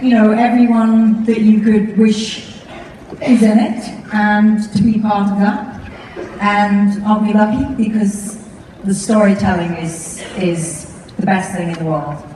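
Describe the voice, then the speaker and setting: A woman's voice: medium pitch, steady tone, unhurried, a little mellow, a little hiss or hum. A woman answering as a guest on a live panel, wry and self-mocking. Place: large arena theatre. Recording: echoey arena from far off.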